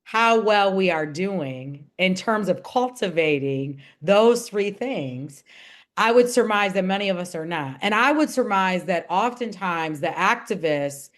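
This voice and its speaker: A woman's voice: fairly low pitch, animated, measured pace, a bit bright. A woman hosting a wellness podcast in casual conversation with a guest. She speaks in an affirming, reflective way and often turns to spiritual wording. Her tone stays conversational throughout. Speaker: podcast host.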